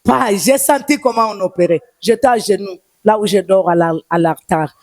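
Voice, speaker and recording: Congolese french prophetess preaching, singsongy, repeats herself a lot, dry close sound. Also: female voice, medium pitch, moderate pace, a little mellow, no echo. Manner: repetitive, sing-song preaching cadence. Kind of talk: fervent preaching testimony.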